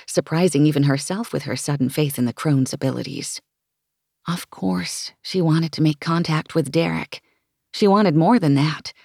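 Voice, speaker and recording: A woman reading a novel aloud as an audiobook narrator, in a measured, expressive storytelling manner. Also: low voice, slightly rough, no echo, studio quality. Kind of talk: scripted fiction narration.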